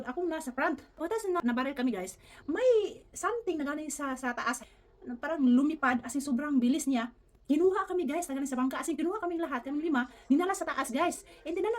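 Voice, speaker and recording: A woman vlogger telling a story in a casual, earnest way, often addressing her viewers as "guys" and mixing English into her talk. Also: high voice. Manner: fast, earnest, keeps saying "guys", mixes English in.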